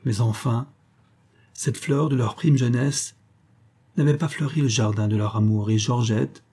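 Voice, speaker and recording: A male audiobook reader narrates literary prose with measured, expressive pacing. His voice is dark and mellow, with a soft, husky texture and a mid-range pitch.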